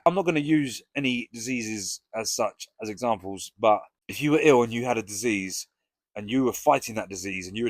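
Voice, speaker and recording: A man's voice: medium pitch, dry recording. A British man talking casually and frankly to camera as a vlogger, with plenty of swearing. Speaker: recovery vlogger.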